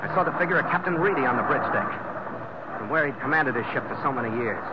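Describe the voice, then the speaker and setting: A tough, decisive sea skipper played by a man in a vintage radio adventure. He is terse and hard-boiled, with a lively pitch range, under loud noise on a dull old recording. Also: quick pace, close to an everyday voice. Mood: grim, measured. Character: tough, weary, decisive male ship's skipper. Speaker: lead actor and narrator. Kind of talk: 1940s radio acting with first-person narration.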